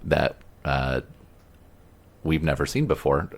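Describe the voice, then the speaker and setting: Very deep-voiced man, casual podcast chat. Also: slow pace, gravelly. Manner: joking, rambling with fillers. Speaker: podcast co-host.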